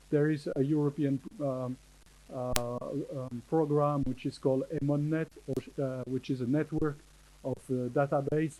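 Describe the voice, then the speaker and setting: A man with a French accent gives a conference talk in English, pausing often and restarting his phrases. His voice sits a little high yet sounds mellow and dark. A faint hiss runs under the recording. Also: poor audio. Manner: halting, many fillers and restarts. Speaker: conference speaker. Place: conference hall.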